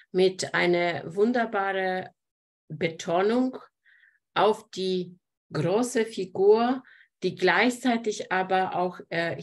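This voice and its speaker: Woman, art teacher, live online lesson, unhurried, points out details to viewers. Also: medium pitch. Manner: explains slowly while pointing at pictures, addresses viewers directly. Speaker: art teacher hosting a webinar.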